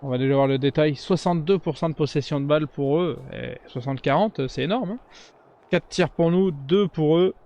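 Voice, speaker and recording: A man with a fairly high voice, talking viewers through his own game in relaxed let's-play chatter. He talks straight to his audience and bursts into cheering when the action heats up. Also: normal speed. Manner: excitable, cheers and shouts during big plays. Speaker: gaming YouTuber. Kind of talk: casual let's-play commentary.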